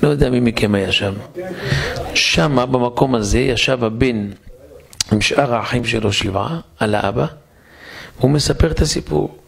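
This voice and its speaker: A man preaching as a rabbi in a synagogue, telling a story vividly and slowing down for emphasis. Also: medium pitch, vocal fry, breathy edge. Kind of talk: storytelling sermon.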